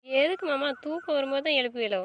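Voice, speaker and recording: Brief: woman as a stubborn, affectionate young wife, high coaxing voice. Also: expressive, fast talker, a bit bright, a little hiss or hum. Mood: pleading. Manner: coaxing and whiny. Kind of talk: family web-series drama acting.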